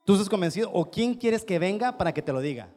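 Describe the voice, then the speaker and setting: A man's voice: high-pitched, expressive, fast talker, dark tone, soft background music. A man with a Mexican accent preaching a sermon as pastor, emphatic and repetitive, firing rhetorical questions at his listeners. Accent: Mexican Spanish. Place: standing before a congregation.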